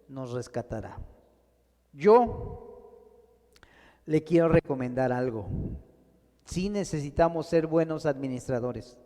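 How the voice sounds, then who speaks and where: A man's voice: fairly high pitch, warm tone, big-room sound. A man preaching a sermon in a church, speaking to the congregation as brothers with rising and falling emphasis. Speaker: pastor.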